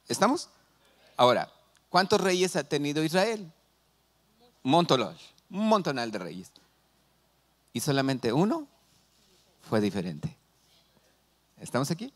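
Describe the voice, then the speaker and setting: A middle-aged man with a Mexican Spanish accent, preaching a sermon as pastor and asking the congregation questions. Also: on the high side. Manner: animated, asks the congregation questions.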